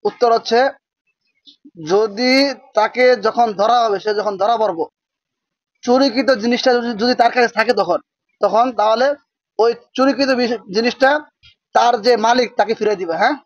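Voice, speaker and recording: A man teaching a religious-school class, quizzing students and repeating their answers, sometimes dictating slowly. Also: very high-pitched, no room sound, lo-fi sound. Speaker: madrasa teacher. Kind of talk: classroom lecture with call-and-response questions.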